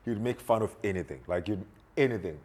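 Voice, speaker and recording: Low-voiced, fast-talking South African man. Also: animated, a little mellow. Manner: rambling storyteller, swears casually. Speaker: podcast co-host. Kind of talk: casual chat.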